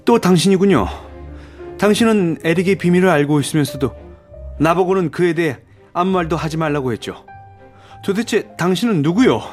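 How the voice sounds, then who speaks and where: Raoul, a man doing an urgent excited young nobleman. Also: fairly high pitch, normal speed, faint music behind, pitched above the performer's own voice, close to an everyday voice. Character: agitated impatient young nobleman. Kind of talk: audiobook drama dialogue.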